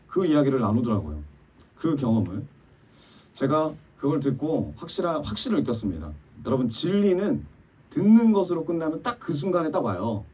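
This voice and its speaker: Pastor type, male, mellow husky voice, lively delivery of a church story, heard at a distance in the sanctuary. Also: mid-range voice. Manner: storytelling, acting out quoted dialogue. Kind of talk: sermon.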